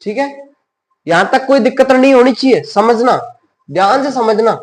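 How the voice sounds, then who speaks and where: A man teaching a biology lesson, who asks his class questions, answers them himself in a softer voice and mixes in English science terms. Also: extremely high pitch, normal speed.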